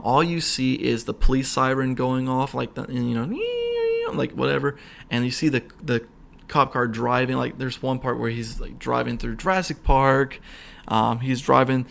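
Rambling, gravelly man. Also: medium pitch. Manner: rambling with many fillers and restarts; laughs while retelling scenes. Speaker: podcast host. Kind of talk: casual movie talk.

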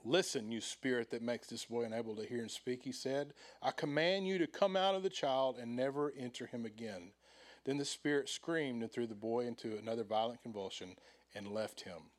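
A middle-aged man, a pastor preaching a sermon in church, animated and acting out quoted voices with swings in loudness. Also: medium pitch, normal speed.

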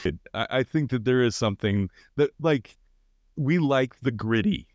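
A man's voice: mid-range voice, animated, moderate pace, dry recording. A man co-hosting a casual film podcast, talking loosely with many fillers and restarts. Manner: loose, hesitant, lots of fillers. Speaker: podcast co-host.

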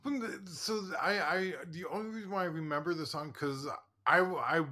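A man's voice: on the high side, moderate pace, sharp tone. A man in his forties co-hosting a podcast, talking in a rambling, casual way full of fillers. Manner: rambling, many fillers and restarts. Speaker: podcast co-host, therapist. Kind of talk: casual chat.

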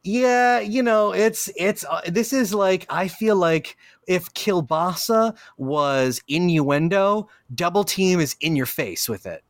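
A man's voice: high voice, lively intonation, no echo, studio quality. Rambling, profane male podcast host. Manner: rambling, profane, quick to break into loud silly impressions. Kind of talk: casual chat.

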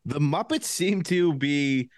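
A man's voice: fairly high pitch, slow, no echo, studio quality. A man with a lisp hosting a casual podcast game, laughing often as he runs the draft.

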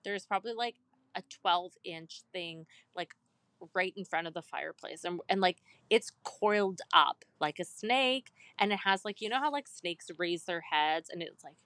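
A woman in her thirties chats on a podcast, spinning a loose story peppered with "like". Her voice has a bright, clear edge, and it sounds close and dry. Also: lowish voice, normal speed, no room sound. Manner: rambling storyteller, heavy use of "like". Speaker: podcast co-host. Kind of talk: casual podcast chat.

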